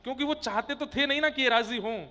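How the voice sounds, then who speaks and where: A man's voice: extremely high pitch, fast, pushed and bright. A male preacher telling a devotional story in an emotional, dramatic way. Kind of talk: devotional katha storytelling sermon. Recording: long hall reverb with faint music.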